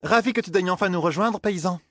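A man's voice: high-pitched, fairly quick, no echo, studio quality, voice pushed up. A man putting on a sarcastic young woman. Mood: mocking. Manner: sarcastic, biting. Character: sharp-tongued young woman adventurer, mocking.

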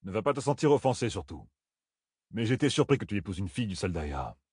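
Man doing a wry old woodsman, low and husky. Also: big pitch swings, fast, a little mellow, no room sound, studio quality. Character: weathered older bearded woodsman, dry and wary.

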